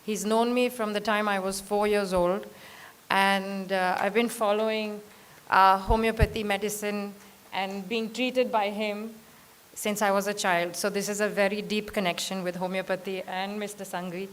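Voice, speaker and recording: A woman's voice: mid-range voice, fairly even intonation. A woman with an Indian accent and a very sore throat gives an informal, hesitant thank-you speech. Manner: hesitant, halting delivery with self-corrections. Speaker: guest speaker and singer. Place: auditorium at a convention. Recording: hissy, noisy live auditorium PA.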